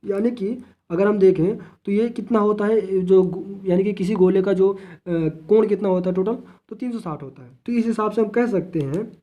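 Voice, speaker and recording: A man's voice: sits high, warm tone. A man teaching a geography lesson, repeating key terms, asking and answering his own questions, and addressing the viewers as friends.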